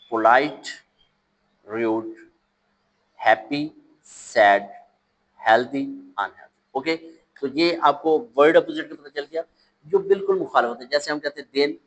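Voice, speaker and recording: A man's voice: medium pitch, a bit bright, low-quality recording. Man teaching English. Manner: slow, reads English words aloud then explains them, with hesitations and self-corrections. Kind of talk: explaining a class three English lesson.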